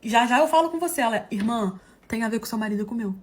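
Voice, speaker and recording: Fast-talking husky woman storyteller. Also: fairly high pitch. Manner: animated, gossipy, acts out dialogue, calls listeners "love". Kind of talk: dramatic storytime narration.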